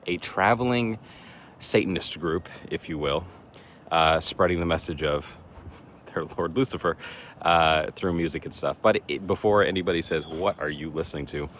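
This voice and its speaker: Recording a relaxed vlog outdoors in a wooded spot, the male horror contest vlogger talks in a deep, slightly raspy voice with a fairly bright tone. He is talkative and self-mocking and wanders with fillers. In the distance there's faint leaf blower and vehicle noise.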